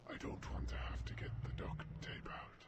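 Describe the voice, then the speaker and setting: A man voicing a menacing male boss who gives slow, drawn-out threats. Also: in a whisper, close to an everyday voice.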